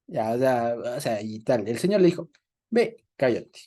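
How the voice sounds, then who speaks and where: Animated man leading a Bible study. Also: medium pitch, fairly quick. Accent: Ecuadorian Spanish. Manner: animated, laughs often, acts out voices in quotes.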